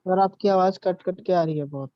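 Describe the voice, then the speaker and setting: A man's voice: high-pitched, moderate pace. A male student giving brief, polite replies to his teacher, heard over an online call line. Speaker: student answering in an online class. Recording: dull lo-fi online call audio.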